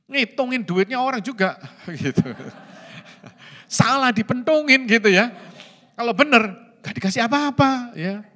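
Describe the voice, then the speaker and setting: A middle-aged man delivers a sermon. His voice sits high and swings widely, and he mixes in English phrases and chuckles at his own jokes. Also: animated, unhurried, a bit bright. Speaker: pastor.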